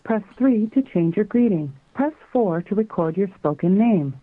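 A woman's automated voicemail voice, heard over a landline phone, reading out menu options in even, measured phrasing. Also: medium pitch, dry recording. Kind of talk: recorded menu announcements. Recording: tinny, dry phone line.

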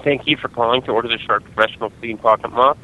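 A man's voice: mid-range voice, steady tone, quick pace. A man working as a call center sales representative, heard over the phone, polite and reading a scripted greeting. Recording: tinny phone line.

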